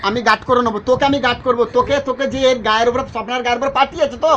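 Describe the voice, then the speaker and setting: A man's voice: extremely high pitch, very fast, fairly bright tone, highs cut off, slight background noise. A man coaxing and questioning a woman said to be possessed, asking the same thing over and over. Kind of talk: coaxing interrogation.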